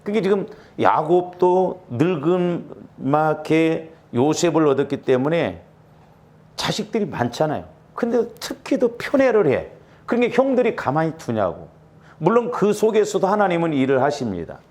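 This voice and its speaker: Middle-aged male pastor, homespun anecdotal sermon delivery, slightly high pitch. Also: sing-song, moderate pace, a little mellow. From Jeolla, Korea. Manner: folksy storytelling with asides and rhetorical questions. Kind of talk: conversational sermon.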